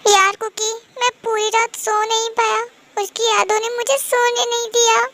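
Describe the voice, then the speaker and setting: An easygoing young best friend, voiced by a woman in a fan-dub audio drama. He talks in a casual, breezy way and keeps reassuring. The voice sits very high, with faint noise behind it. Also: level tone, moderate pace, fairly bright tone.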